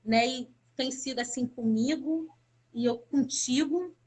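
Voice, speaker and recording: High-voiced fervent woman giving testimony. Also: a little slow, a little mellow, slightly rough. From Brazil. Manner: fervent, repeats words for emphasis. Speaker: guest giving a faith testimony. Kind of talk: emotional personal testimony on a live stream.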